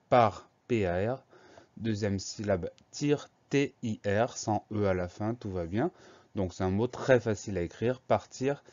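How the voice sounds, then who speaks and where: Patient teacher spelling words slowly, man. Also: on the low side, darkish tone, muffled recording. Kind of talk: spelling lesson for children.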